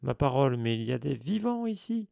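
A man's voice: mid-range voice, moderate pace, gravelly, warm tone, no echo, studio quality. A man voicing a boisterous headless ghost knight who roars and teases in a jovial voice, in a storybook reading. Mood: roaring. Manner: roaring, jovial, teasing.

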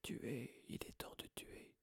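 A man's voice: slow pace, fairly bright tone, no room sound, clean studio sound. A man voicing a cold, deadly, hungry monster in a murderous hissing whisper, as whispered role-play in a storybook reading. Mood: menacing.

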